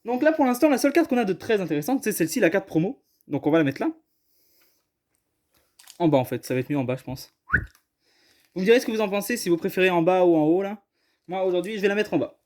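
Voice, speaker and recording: His voice is high-pitched and a little mellow, with lively intonation, and he talks fast but leaves long pauses. He's casually unboxing trading cards on camera, hesitant, apologetic and quick to put himself down.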